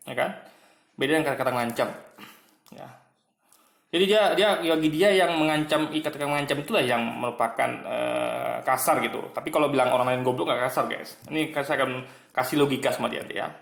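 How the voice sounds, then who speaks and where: A man's voice: medium pitch, brisk, gravelly. Argumentative man commenting in an echoey room. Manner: argumentative, mocking, repeats "guys" and "gitu kan". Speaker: online commentator. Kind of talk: casual commentary monologue.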